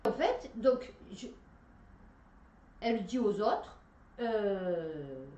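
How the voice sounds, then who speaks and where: A woman's voice: medium pitch, big pitch swings, drawn-out words, mellow, muffled recording. A woman telling a personal story in a chatty, rambling way, with many fillers. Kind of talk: casual storytelling. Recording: roomy echo, faint background noise.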